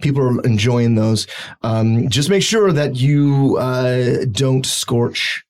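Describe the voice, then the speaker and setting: A man's voice: mid-range voice, takes it slowly, a little mellow, natural voice. A man voicing a jaded male rabbit head chef who curses and talks like a worn-out boss. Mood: approving. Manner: jaded, cursing, matter-of-fact boss talk.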